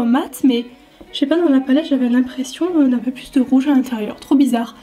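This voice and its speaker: A woman's voice: sits high, warm tone. A young French woman chatting casually through a makeup review, thinking aloud with lots of fillers. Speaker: beauty vlogger.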